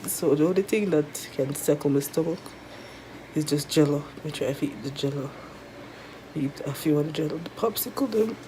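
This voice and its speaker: A woman with a Jamaican accent chats casually to viewers in a halting, weary way, her throat sore and mouth dry after tonsil surgery. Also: low-pitched, noisy background. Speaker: vlogger. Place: resting at home in bed.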